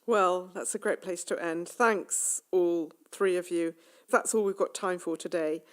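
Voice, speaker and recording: A woman hosting a radio discussion programme, brisk and polished. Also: lowish voice, steady tone. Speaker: radio host. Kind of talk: radio presenting.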